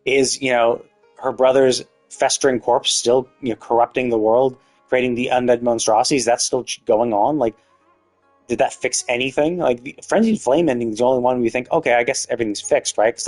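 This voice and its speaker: A man streaming live, ranting casually and with exasperation, full of rhetorical questions, restarts and swearing. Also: mid-range voice. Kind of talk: casual gaming rant. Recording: live stream with faint music behind.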